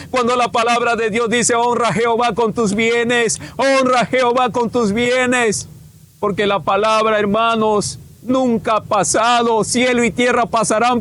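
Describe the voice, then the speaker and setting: A man's voice: very high-pitched, a bit bright. A man preacher giving a fervent testimony sermon, repeating phrases and addressing his brothers.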